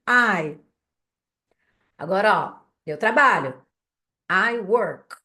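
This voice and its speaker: A woman's voice: medium pitch, a bit bright. A young adult woman with a Brazilian Portuguese accent teaching English vocabulary, calling out words for learners to repeat after her. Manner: slow, patient repeat-after-me drilling. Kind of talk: language lesson drills.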